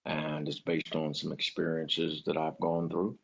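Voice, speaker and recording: A man who is a preacher and author talking about himself as a guest on a chat show, in a slow, low, smooth manner. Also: completely flat delivery. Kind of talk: casual interview talk. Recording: lo-fi sound.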